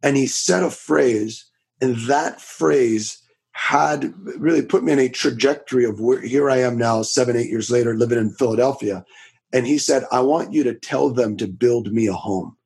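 Loud, quick, and often backtracking mid-sentence, a Floridian preacher in his thirties recounts his story in an informal podcast interview. His voice has a raspy, medium-pitched quality.

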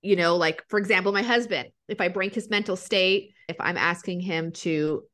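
A woman's voice: lowish voice, moderate pace, pushed and bright. Casual woman thinking aloud. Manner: informal, thinking aloud with frequent "like". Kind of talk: casual conversational discussion.

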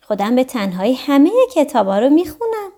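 A woman's voice: high voice, big pitch swings, warm tone. A woman doing an eager little girl. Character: bright, determined little girl.

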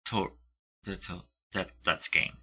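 A man's voice: deep voice, steady tone, slow pace, bright, forceful tone, breathy edge. A man chatting casually, rambling and hesitant, often searching for words. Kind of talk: casual chat.

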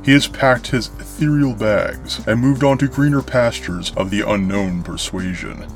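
Low-voiced man, grandiose horror storyteller over music. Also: normal speed, gravelly. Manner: grandiose, florid storyteller delivery. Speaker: host and storyteller of an eerie horror show. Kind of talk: theatrical scripted horror narration.

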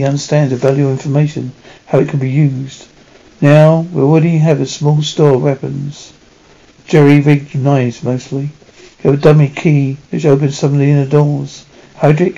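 A sly, conspiratorial prisoner of war plotting escape, acted by a man. The voice is fairly high and creaky, slightly dulled by the recording. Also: mellow, dull audio.

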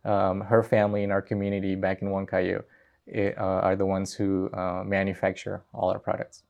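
A man's voice: low voice, monotone, moderate pace, vocal fry, darkish tone, dull audio. A man from Peru, a business owner and guest, talking in a casual interview, hesitant with many ums and restarts.

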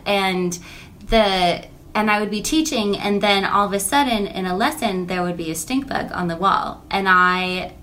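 Bright-voiced woman telling teaching stories. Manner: animated storytelling, acts out quotes in a high voice. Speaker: music teacher. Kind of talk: casual chat about teaching.

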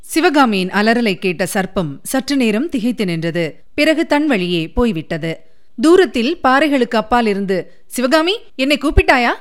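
A woman narrating a classic novel as an audiobook, in a measured, expressive storytelling manner. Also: a little high. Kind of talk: scripted narration.

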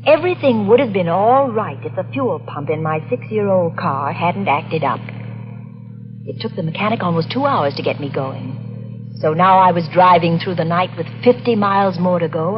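A woman's voice: lowish voice, normal speed, close to an everyday voice. A woman playing a nervous young woman driving alone at night, narrating and speaking in tense 1940s radio drama style. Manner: tense, breathless, first-person narration. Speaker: lead actress and narrator. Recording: dull old radio recording with music.

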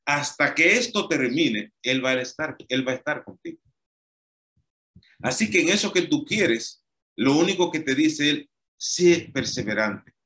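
Man preaching a sermon, somewhat high voice. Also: lively intonation, a little slow, bright, forceful tone. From Dominican Republic. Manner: emphatic, repetitive, pleading.

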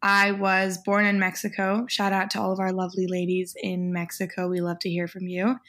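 Brief: twenties woman co-host, mid pitch, calm and measured. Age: 20s. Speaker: podcast co-host. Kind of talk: casual podcast chat.

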